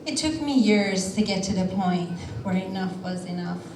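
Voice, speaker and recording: A woman from Iran telling a personal story on a theater stage in a measured way, with deliberate pauses. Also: mid-range voice, background noise. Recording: roomy theater sound from a distance.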